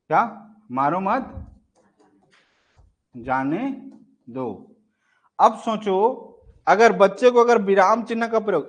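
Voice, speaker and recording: A young adult man teaching an online exam-prep class. He keeps asking rhetorical questions to check understanding and acts out example phrases. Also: high-pitched.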